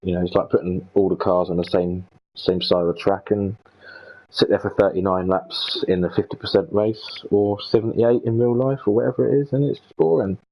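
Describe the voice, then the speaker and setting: A man's voice: low voice, fairly even intonation, brisk. A man co-commentating an online racing league, hesitant and full of ums and restarts. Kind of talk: casual esports race commentary. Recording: dull lo-fi stream audio.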